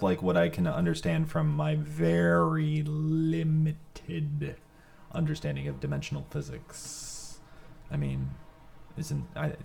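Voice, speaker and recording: A man's voice: fairly high pitch, vocal fry, a little mellow. A young man co-hosting a podcast in casual chat, rambling and hesitant with many fillers. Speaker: podcast co-host.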